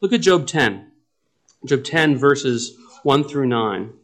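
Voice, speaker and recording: A man's voice: mid-range voice, expressive, slow, a bit bright. A man preaching a sermon, earnest and often stopping to repeat his words as he works through scripture. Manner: earnest, restarts and repeats words, dramatic paraphrase.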